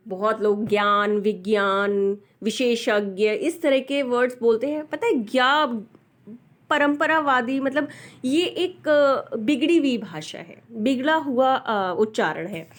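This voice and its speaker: A woman leads a Hindi alphabet lesson, taking her time over every letter. She speaks slowly, in a fairly high voice, and checks in with her learner again and again. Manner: patient, repeats letters and asks "ठीक है?". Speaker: Hindi teacher. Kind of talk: slow explanatory lesson.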